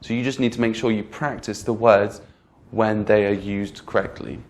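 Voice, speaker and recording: A man teaching an online English pronunciation lesson, patiently repeating example words and slowing down to show which words carry stress. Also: lowish voice, steady tone.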